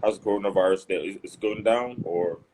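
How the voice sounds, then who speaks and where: A man hosting a live online interview show, greeting viewers with repeated, drawn-out phrases over a video call. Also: fairly low pitch, darkish tone, a little hiss or hum, low-quality recording. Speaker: host.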